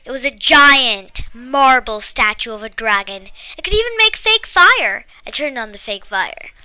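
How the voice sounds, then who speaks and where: Brief: high, bright, lively woman reading a story, dry close sound, an occasional slip. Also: a little slow, clear, resonant tone, dry recording, rough recording. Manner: expressive reading with small slips and restarts. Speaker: story reader. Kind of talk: reading her own story aloud.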